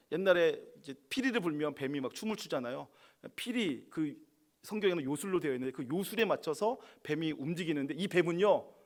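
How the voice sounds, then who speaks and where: A man delivers a sermon from the pulpit in a somewhat high voice. He drops to quiet, conversational asides, then rises into loud, emphatic bursts. Scripture passages come out slow and deliberate. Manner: reads scripture slowly and deliberately. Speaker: pastor. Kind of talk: midweek sermon.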